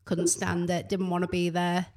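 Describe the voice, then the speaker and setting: A woman's voice: lowish voice, monotone, normal speed, darkish tone. A woman from the South Wales Valleys with a Welsh Valleys accent, chatting casually and bluntly as an interview guest, often at her own expense. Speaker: podcast guest, writer and musician.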